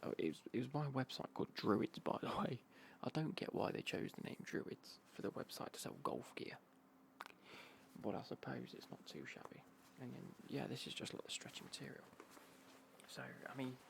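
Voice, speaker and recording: A British man with a mid-range voice speaks in a hushed, breathy whisper that often sinks into a very gravelly, creaky murmur. As an ASMR vlogger showing golf clothing, he rambles informally in an unboxing style with understated remarks, over faint background noise.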